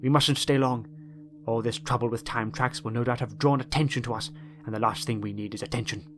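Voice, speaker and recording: A man's voice: medium pitch, steady tone, brisk, close to an everyday voice. A man voicing a weary, huffy, grandfatherly old time traveller with fussy, old-fashioned phrasing and muttering in an audiobook. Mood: cautious. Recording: music behind the voice.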